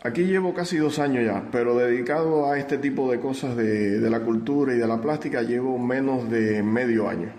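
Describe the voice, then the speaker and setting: A middle-aged Cuban man, an artist and art teacher, answering radio interview questions in a relaxed, hesitant way with frequent restarts. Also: medium pitch, moderate pace, few pauses. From Cuba. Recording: echoey room with long reverb.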